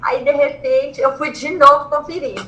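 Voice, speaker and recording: A woman with a Brazilian Portuguese accent, telling her own story in an interview. She talks excitedly, repeats phrases and acts out what she once shouted. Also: sits high, normal speed, reverberant, highs cut off. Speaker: interviewee, law graduate who passed the bar exam. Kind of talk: emotional personal storytelling.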